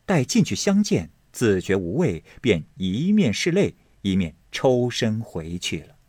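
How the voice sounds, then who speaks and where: A man narrating a classical novel as an audiobook host, with expressive, measured storytelling. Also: on the low side, breathy edge, no room sound, clean studio sound.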